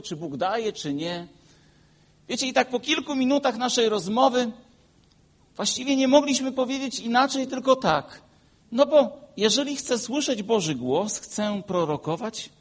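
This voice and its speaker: Pastor preaching, high voice, really lively up and down, storytelling, loud peaks then quiet bits. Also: male voice. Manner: storytelling, swings between loud emphatic peaks and quiet low asides. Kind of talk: sermon.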